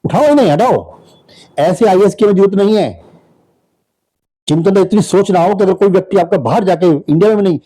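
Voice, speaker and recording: A man's voice: on the high side, mellow, breathy edge, poor audio. A man hosting a political commentary, talking in a heated, scornful way and firing off rhetorical questions.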